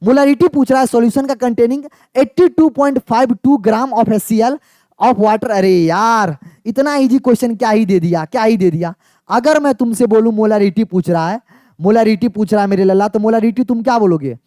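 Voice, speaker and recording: A man's voice: sits high, normal speed, dark tone, no room sound, studio quality. A man teaching chemistry in a chatty, teasing exam-prep lecture, often asking his students yes or no. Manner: playful, teasing, asks students yes or no again and again.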